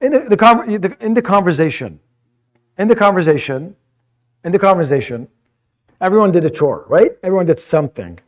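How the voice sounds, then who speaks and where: A man's voice: sits high, lively intonation, brisk. A male teacher giving a classroom lecture, patiently explaining vocabulary and often repeating words while he searches for his phrasing. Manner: mixes English explanation with Arabic vocabulary. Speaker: Arabic teacher.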